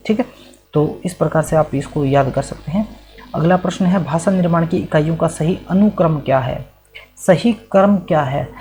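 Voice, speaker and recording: A man's voice: on the high side, darkish tone. A male teacher explaining exam quiz answers, asking questions and then answering them himself, often checking that the listener follows. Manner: asks and answers his own questions, checks in with "right?". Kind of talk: exam-prep quiz lesson.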